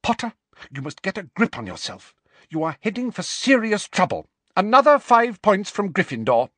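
A man voicing a stern older female professor in an audiobook, with a sharp, clipped, scolding manner. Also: medium pitch, sing-song, normal speed, breathy edge, dry recording, pitched above the performer's own voice. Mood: stern warning. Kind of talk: audiobook character voice.

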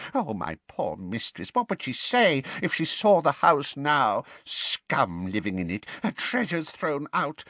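Man doing a wheedling old house-elf, high-pitched, muttering, bitter, dry close audiobook sound. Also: pushed and bright, no echo, heavily acted. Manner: muttering, resentful, fawning to his master. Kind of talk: audiobook character voice.

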